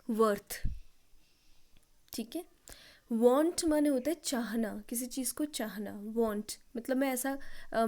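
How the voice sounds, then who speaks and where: A woman's voice: a little high, warm tone. Hindi-speaking woman teaching English words. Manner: explains in Hindi with English example sentences, checks understanding often. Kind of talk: classroom-style vocabulary lesson.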